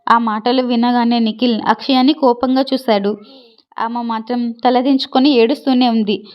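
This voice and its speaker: A woman's voice: on the high side, fairly even intonation, normal speed, smooth, lo-fi sound. Woman narrating a love story.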